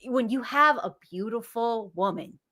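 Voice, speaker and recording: Woman, sarcastic and teasing, bright voice, lively pitch. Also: a little slow. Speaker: podcast co-host. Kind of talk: casual podcast chat.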